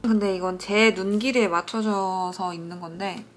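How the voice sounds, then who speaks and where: A woman's voice: medium pitch, moderate pace. A young woman in her twenties, a beauty vlogger, talking casually through a makeup tutorial and telling a story along the way. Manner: chatty, animated when storytelling, soft asides. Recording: faint music behind.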